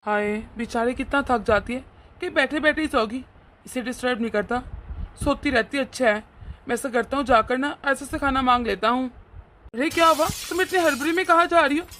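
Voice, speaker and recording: A woman voicing a young, easygoing husband in a cartoon, speaking softly and calmly. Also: sits high, brisk, pitched below the performer's own voice. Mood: gentle. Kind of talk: cartoon voice acting.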